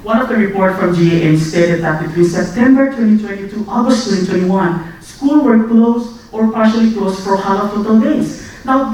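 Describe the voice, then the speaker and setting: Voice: mid-range voice, darkish tone, slight background noise. A graduate student from Indonesia giving a scripted English presentation, reading in a persuasive presenting tone. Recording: echoey hall from far off.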